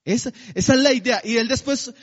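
High-voiced preacher in a reverberant hall. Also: male voice, muffled recording. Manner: slows to a drawn-out, emphatic cadence on key phrases; addresses the congregation with rhetorical questions. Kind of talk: sermon.

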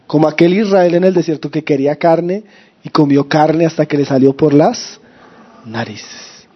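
High-voiced preacher with a sore throat. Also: male voice, moderate pace, lo-fi sound. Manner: preaches with rhetorical questions, calling listeners brothers. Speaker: pastor. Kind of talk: sermon.

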